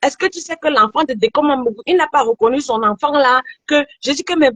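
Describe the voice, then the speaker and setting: A woman in her thirties telling a story in an animated, repetitive way during a casual chat. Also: high-pitched, fast talker, no room sound. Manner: animated storytelling, repeats phrases.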